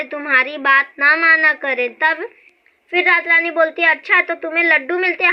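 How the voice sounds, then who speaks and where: A young woman teacher who reads lines from a story aloud and then explains them in simple words. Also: sits high. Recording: dull lo-fi sound.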